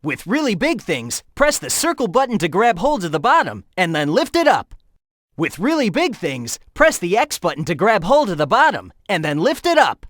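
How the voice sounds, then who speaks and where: A man's voice: sits high, huge pitch swings, normal speed, a bit bright, no room sound, clean studio sound, exaggerated voice. An actor playing a cocky young male hedgehog hero, giving breezy, upbeat tips in video game voice lines. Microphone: close studio mic.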